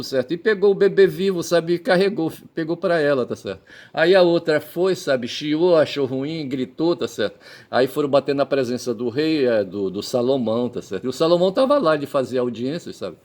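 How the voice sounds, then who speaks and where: A man's voice: mid-range voice, darkish tone. A middle-aged man telling a story in a rambling, casual way, tagging his sentences with checks for agreement. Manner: rambling, constant "right?" tags and filler. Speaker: vlogger.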